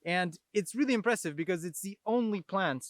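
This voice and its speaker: Man narrating a documentary. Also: high voice. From Portugal. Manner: measured, explanatory, clear. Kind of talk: scripted narration.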